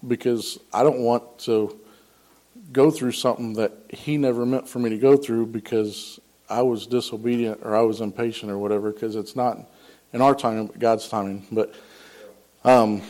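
Guy rambling earnestly about faith, lots of ums, average pitch. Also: steady tone, a little slow, pauses often, darkish tone. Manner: acts out quoted dialogue in a raised voice. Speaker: lay speaker sharing a devotional. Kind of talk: casual personal testimony.

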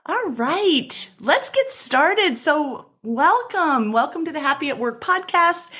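A woman's voice: sits high, very animated, slow pace, bright, forceful tone. A woman hosting a podcast, who welcomes her guest in an enthusiastic, chatty way. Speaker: podcast host. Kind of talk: casual interview talk.

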